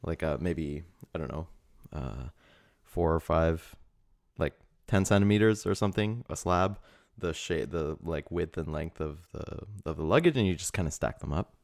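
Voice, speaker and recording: A man with a low, gravelly voice co-hosts a casual comedy podcast. He rambles through his ideas with lots of fillers and keeps giggling. He is recorded on a dry, close mic. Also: lively intonation, moderate pace, dry recording. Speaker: podcast co-host.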